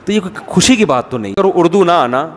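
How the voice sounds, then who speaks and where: A man's voice: a little high, expressive, big-room sound. A man, a religious scholar, giving a conversational sermon full of irony and rhetorical questions.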